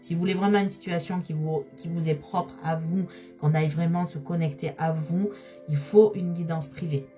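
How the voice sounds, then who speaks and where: A slightly hoarse woman giving a tarot reading, speaking straight to her viewers and repeating key phrases for emphasis. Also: lowish voice, fairly even intonation, moderate pace, dark tone, faint music behind. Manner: repetitive, emphatic, addresses viewers directly. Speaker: tarot card reader.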